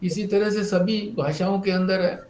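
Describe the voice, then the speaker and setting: A man's voice: high voice, steady tone, a little mellow, roomy sound, slight background noise. A man teaching a spiritual discourse, explaining step by step with rhetorical questions. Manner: explanatory, rhetorical questions, slow deliberate phrasing.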